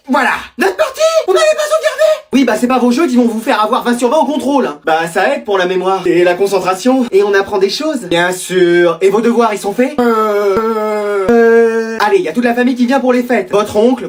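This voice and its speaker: A young woman performing a comedic family sketch, playing every role herself and switching quickly between squeaky high voices and low grumbles. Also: far from the mic.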